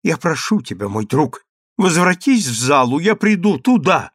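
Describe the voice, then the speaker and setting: A man's voice: on the high side, sing-song, normal speed, fairly bright tone, slightly rough, dry recording, clean studio sound, voice pushed up, heavily acted. A man reading a story aloud and voicing a tearful young baroness who pleads and then snaps in exasperation. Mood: pleading.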